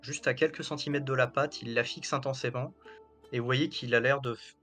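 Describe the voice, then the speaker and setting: A male game master narrates a tabletop role-playing session. His pitch sits in a middle range for a man, and faint music plays behind him. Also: steady tone, fairly quick, fairly bright tone.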